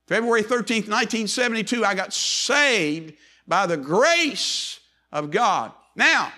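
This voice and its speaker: An older man preaching a sermon in church, repeating key phrases and slowing down hard on words he wants to stress. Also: high voice, expressive, pushed and bright. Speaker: pastor.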